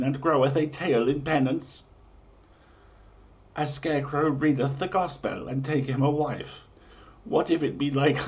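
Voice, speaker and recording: The audio is dull as a mid-range male voice hosts a livestream. He first performs a dramatic comic reading in mock-medieval English, emphatic and theatrical, before chatting casually.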